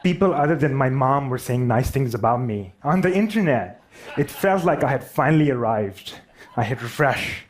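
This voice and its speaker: This storytelling talk comes from a man with a Pakistani accent whose medium-pitched voice is expressive and moderately paced. He stutters as he recounts his personal story, often laughing at his own expense.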